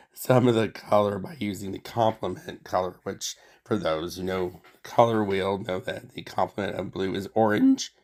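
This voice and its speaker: A man's voice: on the low side, darkish tone. A man with a stuffy nose from a cold, casually narrating a craft tutorial in a hesitant, self-correcting, apologetic way. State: sick with a cold or sinus infection, stuffy nose. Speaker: art tutorial host.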